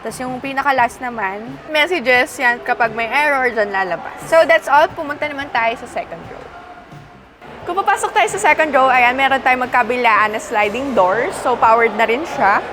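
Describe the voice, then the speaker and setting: A woman's voice: high voice, moderate pace, a bit bright, faint music behind, poor audio. A young woman from the Philippines giving a casual walkaround review from inside a passenger van, chatty and demonstrative as she points out each feature. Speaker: car review presenter.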